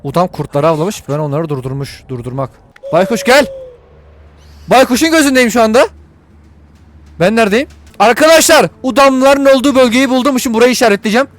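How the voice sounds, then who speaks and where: A man giving let's-play commentary to viewers while he plays, excitable and full of crude jokes and swearing. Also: very high-pitched, brisk, long pauses. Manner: talks to viewers while playing. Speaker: gaming video host.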